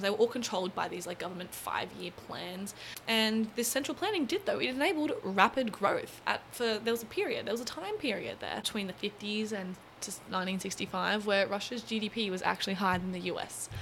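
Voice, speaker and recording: A woman's voice: fairly bright tone, slight background noise, poor audio. Chatty woman vlogger explaining history. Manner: chatty, with playful asides and sudden pitch jumps. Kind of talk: casual explainer vlog.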